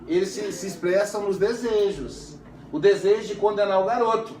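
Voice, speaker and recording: A man's voice: high voice, moderate pace, a little mellow. A man teaching a psychoanalysis class in a classroom, conversational and stretching words for emphasis. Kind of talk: classroom lecture. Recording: roomy, distant, faint noise.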